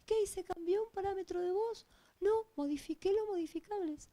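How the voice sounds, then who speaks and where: Shrill, strained and pitched far above normal, this is an exaggerated squeaky voice that a woman puts on. It sounds tight and nasal, clearly not a natural register. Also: moderate pace, warm tone. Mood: demonstrating. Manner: exaggerated demonstration voice. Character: woman's own voice pushed high and thin.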